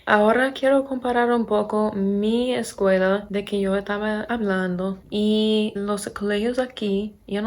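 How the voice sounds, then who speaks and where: Woman, American accent, gravelly fry, casual vlog chat, second-language speaker. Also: mid-range voice, a little mellow. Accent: American English. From Pennsylvania, United States. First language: English. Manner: chatty, searching for words in a second language. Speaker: vlogger. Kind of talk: casual talk to camera.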